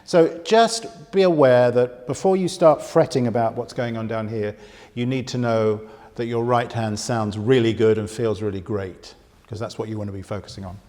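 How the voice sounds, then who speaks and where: A man's voice: mid-range voice, fairly even intonation, normal speed. A man giving a piano lesson, explaining patiently and counting fingers aloud as he demonstrates in a very resonant room. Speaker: piano teacher. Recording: long room reverb with loud piano. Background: piano playing.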